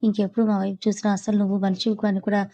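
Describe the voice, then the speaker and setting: A woman's voice: medium pitch, flat delivery, rapid-fire, mellow, lo-fi sound, lightly acted. A woman voicing an angry young husband who fiercely protects his wife, talking in a harsh, scolding way. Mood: bitter.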